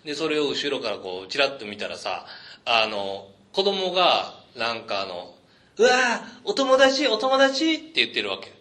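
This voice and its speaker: A man with a Kansai accent hosting a casual chat show, telling stories in an animated, joking way. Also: fairly low pitch, normal speed. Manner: animated storyteller, chatty and joking. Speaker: podcast host.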